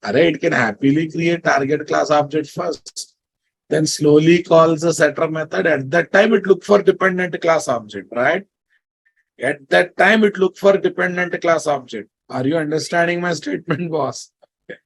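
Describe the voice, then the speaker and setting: The speaker is a programming instructor, a man with a Telugu Indian English accent whose fairly high voice sounds creaky and husky. Lecturing at a moderate pace, he repeats himself and often confirms that students are with him.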